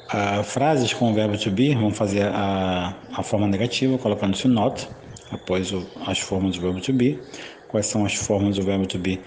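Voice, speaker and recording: In a recorded English grammar lecture, a man explains things step by step and keeps adding checking tags. His voice is on the low side with a darkish tone, captured in an echoey room with faint ambience and slight background noise.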